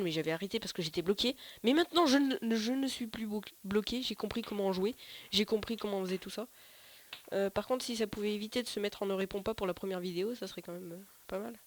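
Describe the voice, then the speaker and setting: A man giving casual, rambling gameplay commentary, often correcting himself and swearing casually. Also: high voice. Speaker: let's play host.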